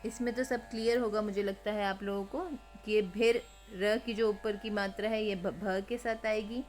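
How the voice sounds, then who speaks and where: A woman who teaches chanting of Sanskrit verses. She chants each line slowly, then patiently explains how to pronounce it. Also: mid-range voice, steady tone, faint music behind. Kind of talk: slow chanting lesson with spoken explanations.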